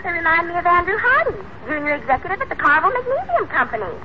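A spirited young American sweetheart in a radio comedy, teasing and gushing. Her voice is very high and lively, on a dull, noisy old broadcast recording. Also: fast. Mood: brisk, teasing. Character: spirited young sweetheart, quick to tease and gush.

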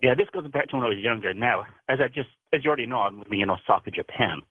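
A man's voice: mid-range voice, animated, racing, dry recording. A man from Canada calling in to a radio show and earnestly telling a personal story. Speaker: caller. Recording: husky voice over a phone line.

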